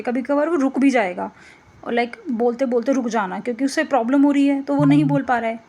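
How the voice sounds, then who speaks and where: A woman's voice: high-pitched, a little mellow. A woman teaching an exam-prep lesson, explaining slides casually and often checking in with "ठीक है". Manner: casual explanatory, mixes English terms, frequent "ठीक है" check-ins.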